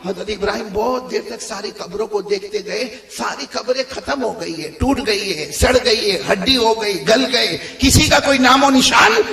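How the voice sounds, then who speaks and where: A man's voice: high-pitched, gravelly, hardly any pauses, a bit bright, echoey room. A man preaching a storytelling sermon to a gathering, calling on the crowd to repeat his words back. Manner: prompts the crowd to repeat after him.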